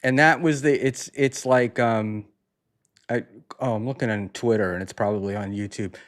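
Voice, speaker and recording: Guy hosting a chill chat, rambly, lots of um and uh, middle pitch. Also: fairly even intonation. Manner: rambling, halting, many fillers and restarts. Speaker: podcast host. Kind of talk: casual chat.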